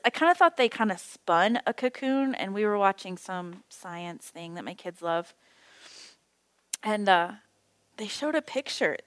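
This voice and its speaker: A middle-aged woman leads a small group Bible study in a casual, chatty voice. She drifts into stories and self-deprecating side remarks. The sound is dry and close, with no room echo. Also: medium pitch. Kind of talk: casual teaching talk. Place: small indoor group meeting.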